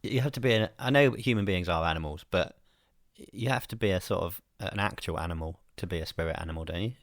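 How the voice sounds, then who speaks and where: A man's voice: low-pitched, quick pace, no echo, clean studio sound. A man, co-hosting a podcast in casual chat, wry and questioning, often laughing. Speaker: podcast co-host.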